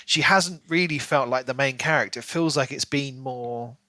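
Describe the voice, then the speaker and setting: Rambling through a casual book discussion, a male podcast co-host speaks in long runs peppered with "you know." His mid-range voice has a sharp tone and a moderate pace, with no room sound in the recording.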